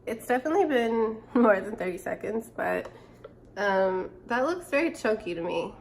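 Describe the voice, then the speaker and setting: A cooking vlogger in her twenties talks casually and thinks aloud as she cooks at home, her voice stuffy and nasal because of a cold. Her mid-range voice has lively intonation and a normal speed. A slight hiss or hum is on the close camera or phone recording.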